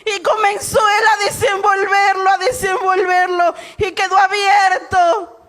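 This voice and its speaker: Slow, shouting woman preaching a testimony. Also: very high-pitched, level tone. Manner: shouting fervently, addresses listeners as brother.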